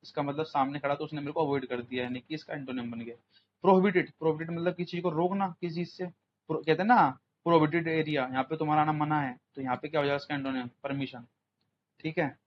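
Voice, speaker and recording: Young guy teaching english vocab in hindi, kinda high voice, keeps quizzing the class, muffled audio. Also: fairly even intonation, fast talker. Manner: explains in chatty Hindi mixing English words, asks students questions. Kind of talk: exam coaching lesson. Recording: muffled lo-fi audio, faint room noise.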